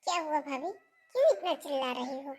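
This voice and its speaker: A woman's voice: high voice, big pitch swings, fairly quick. A woman playing a contemptuous young sister-in-law who sneers at her brother's wife in a family melodrama. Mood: sneering. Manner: sneering, dismissive.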